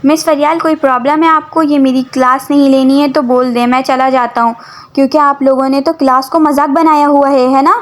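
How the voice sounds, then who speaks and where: A woman doing a stern, sarcastic male teacher in a homemade audio story. He scolds slowly and mockingly, in a high voice close to the narrator's own. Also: steady tone, natural voice.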